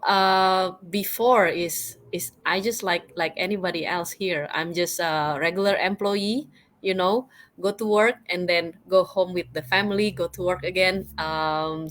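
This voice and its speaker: A woman's voice: on the low side, measured pace, fairly bright tone. A woman from Indonesia, talking as a guest over a video call in a friendly, casual way full of fillers. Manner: friendly, with "you know" and fillers. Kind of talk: casual interview talk.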